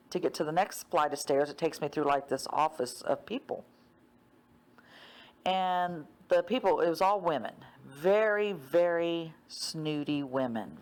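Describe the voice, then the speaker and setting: A woman's voice: low voice, smooth. A woman casually retelling a dream in a rambling way, full of "um" and "like,". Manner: rambling, many fillers like "um" and "like".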